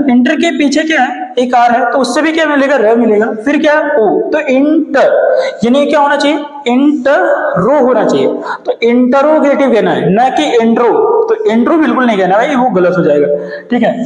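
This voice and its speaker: Male English tutor, very high voice, quizzing style, recorded in an echoey room. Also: a little mellow. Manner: asks questions and answers them himself. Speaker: English teacher. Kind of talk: classroom grammar lesson. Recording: roomy echo with long reverb.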